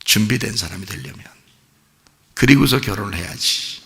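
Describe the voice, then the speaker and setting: A male pastor preaching in a church sanctuary, his gravelly, bright voice ringing with a long hall reverb. He leaps between loud, high exhortation and hushed, low scolding. He quizzes the congregation and answers his own questions, with a lively, swooping pitch. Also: moderate pace. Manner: asks the congregation questions and answers them himself. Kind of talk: sermon.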